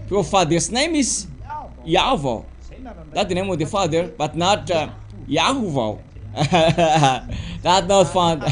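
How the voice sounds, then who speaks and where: Male preacher, high-pitched, slow and deliberate, emphatic. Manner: slow and deliberate, spells out words letter by letter, rising to emphatic insistence. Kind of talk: sermon teaching.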